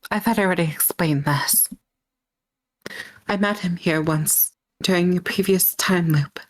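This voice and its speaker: A woman voicing a calm, matter-of-fact girl. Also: lowish voice, unhurried. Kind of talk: reading a game's dialogue aloud in character.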